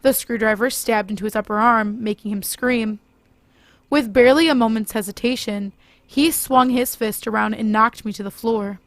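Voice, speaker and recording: A woman narrating a first-person horror story in a steady, scripted delivery. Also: on the high side, normal speed, dry recording.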